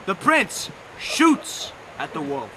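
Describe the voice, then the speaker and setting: A young man narrates a bedtime story as a live theatrical performance outdoors on a lawn, being dramatic and playful and drawing out and repeating phrases. His voice is on the high side, pushed and bright, with wildly swooping pitch. It is a noisy outdoor amateur live recording.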